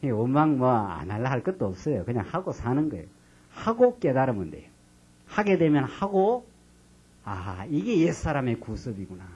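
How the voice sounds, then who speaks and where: A middle-aged male pastor teaching a Bible study in a church, reading scripture slowly and dramatically and then explaining it in casual talk. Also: medium pitch, sing-song, darkish tone, breathy edge. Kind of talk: Bible lecture sermon. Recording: dull lo-fi church lecture recording.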